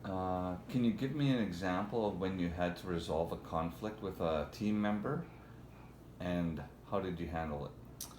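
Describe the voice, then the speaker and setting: A man's voice: low voice, moderate pace, a little mellow. A man acting as interviewer, putting formal prepared questions to a candidate. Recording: echoey room, faint background noise.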